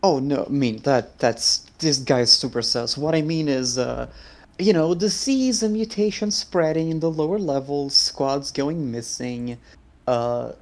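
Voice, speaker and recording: A man's voice: fairly high pitch, a little slow. A man playing a tabletop game, chatting casually and earnestly as he thinks aloud, with gamer slang. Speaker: player.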